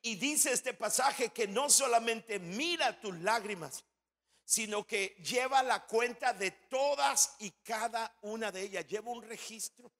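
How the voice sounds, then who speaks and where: High-voiced man preaching in an echoing hall. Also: measured pace, creaky, a bit bright. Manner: emphatic preaching, addressing the congregation directly. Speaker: pastor. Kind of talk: sermon.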